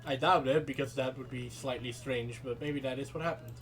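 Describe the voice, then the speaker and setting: A man's voice: medium pitch, steady tone, fairly quick. A man from continental Europe, a native Dutch speaker, casually commenting on a game for his chat in a dry, self-mocking way. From Europe, not the British Isles. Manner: dry, self-mocking, talks to chat while reading game text aloud. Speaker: streamer. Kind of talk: live game stream commentary. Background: game music.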